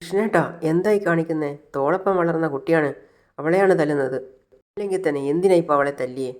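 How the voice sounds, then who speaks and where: A man's voice: fairly high pitch, fast talker, a little mellow, lightly acted. A man playing a worried mother pleading with her husband not to hit their daughter, in a retold serial. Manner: pleading, restraining.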